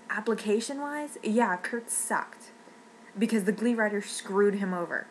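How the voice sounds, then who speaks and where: Tearful woman ranting, halting and upset. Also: mid-range voice, a little hiss or hum, low-quality recording. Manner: upset and rambling, halting restarts. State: near tears. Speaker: fan vlogger. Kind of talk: emotional rant.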